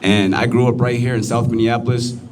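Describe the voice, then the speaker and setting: Flat-voiced earnest young man. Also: mid-range voice, brisk, slight background noise. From United States. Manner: earnest, plain-spoken, with fillers. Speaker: addiction recovery advocate. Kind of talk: speaking to a youth audience.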